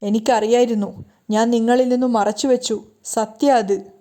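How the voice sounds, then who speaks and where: A woman's voice: on the high side, fairly even intonation, normal speed, mellow, lightly acted. A woman voicing a tearful pleading young wife. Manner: pleading, upset.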